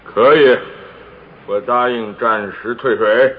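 A man voicing a calm, majestic male dragon king who speaks in slow, deep, measured commands. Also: natural voice. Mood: stately. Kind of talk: storybook radio drama. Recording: tinny phone-like recording.

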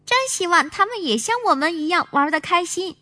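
A woman's voice: very high-pitched, lively intonation, fairly quick, pushed and bright, voice pushed up, full character voice. A woman voicing a curious, proud little girl bear in a children's storybook, with an eager, exclaiming way of talking.

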